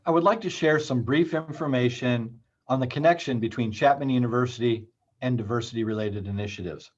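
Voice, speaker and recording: A man, a university library dean, reading a scripted conference presentation in a measured way. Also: mid-range voice. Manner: measured, read-aloud delivery. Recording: slightly muffled lo-fi recording.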